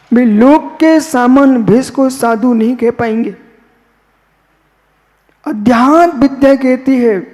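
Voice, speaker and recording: A man, a Jain monk, giving a philosophical sermon, posing questions and answering them himself, repeating phrases slowly. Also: very high voice, warm tone, in a large hall.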